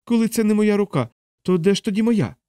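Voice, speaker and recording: Man putting on a frantic high-voiced chaplain. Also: big pitch swings, brisk, no room sound, studio quality. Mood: indignant pleading. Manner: pleading, indignant, shouting protests. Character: agitated anxious male military chaplain.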